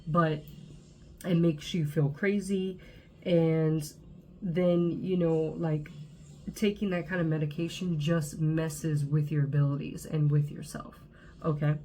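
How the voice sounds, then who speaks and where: Speaking with a low-pitched, slightly mellow voice, this channel host is a Southern California woman in her twenties who has a cold and sounds congested. She chats casually to the camera, dropping fillers and checking in with "okay?" again and again. The recording is rough, with a bit of background noise.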